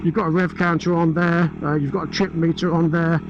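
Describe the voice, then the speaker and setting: A man's voice: a little high, flat delivery, brisk, highs cut off. A British man reviewing a motorbike as he rides, speaking through a helmet mic in chatty, enthusiastic running remarks. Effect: speaking through a helmet mic while riding. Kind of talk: riding commentary. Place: on a motorbike on open roads. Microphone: helmet-mounted mic. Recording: helmet mic with engine and wind noise. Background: engine and wind noise.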